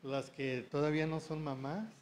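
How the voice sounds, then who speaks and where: A man's voice: a little high, level tone, moderate pace, slight background noise. A man preaching a sermon, often checking in with the congregation through short rhetorical questions.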